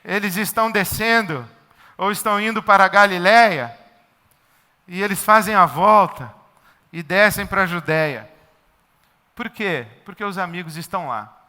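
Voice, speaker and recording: A man's voice: sits high, normal speed, long pauses, pushed and bright, long reverb tail. A man with a Brazilian Portuguese accent preaching a sermon, emphatic and repetitive, in a conversational way. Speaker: pastor.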